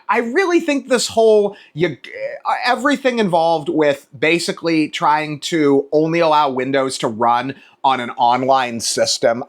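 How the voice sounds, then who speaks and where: A man with a high-pitched voice delivers an exasperated, off-the-cuff rant. His intonation swings widely as he hammers points home, restarting and repeating words for emphasis. His language is casual and peppered with swearing. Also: fairly bright tone. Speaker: video creator.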